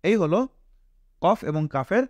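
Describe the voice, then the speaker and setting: A man with a Bangladeshi Bengali accent, teaching Quran letter pronunciation step by step, asking questions and answering them himself and drawing out each sound slowly. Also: sits high, lively intonation, a little mellow, no room sound. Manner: slow, patient, repeats each letter sound drawn out.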